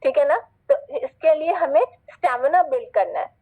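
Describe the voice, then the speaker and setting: A woman teaching Quran pronunciation in an online class, patiently explaining and checking in often, then drawing out Arabic words slowly as she recites. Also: sits high, narrow, tinny audio.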